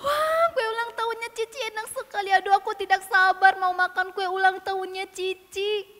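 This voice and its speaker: A woman voicing a curious, mischievous little younger sibling who talks in a slow, pleading childlike way. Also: extremely high pitch, animated, pushed and bright, big-room sound, pitched above the performer's own voice, exaggerated voice. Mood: sneaky.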